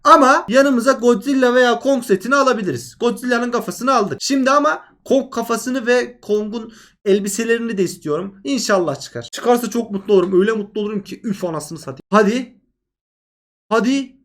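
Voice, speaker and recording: Guy streaming a phone game, high voice, gets worked up and swears a lot, keeps talking to the viewers. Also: fairly quick. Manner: excitable, curses freely at bad luck; talks straight to viewers. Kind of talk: casual gameplay commentary.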